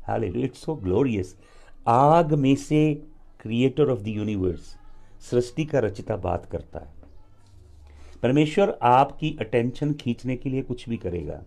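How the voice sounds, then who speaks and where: A man preaching a live sermon as pastor, delivering deliberate phrases with pauses and leading the congregation in call-and-response. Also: medium pitch, a little mellow.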